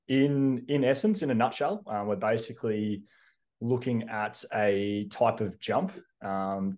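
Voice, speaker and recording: A young Australian man, a strength coach and podcast regular, chatting casually and easily with plenty of ums. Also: on the low side. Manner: relaxed, easygoing, with frequent ums.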